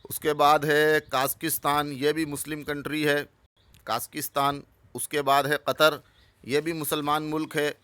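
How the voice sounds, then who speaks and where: A man with a bright, forceful voice talks earnestly and urges his audience on. He names one item after another and adds a short comment to each. The sound is close and dry, with no room echo. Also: medium pitch, smooth. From Pakistan. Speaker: religious channel host. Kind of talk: informal explanatory talk.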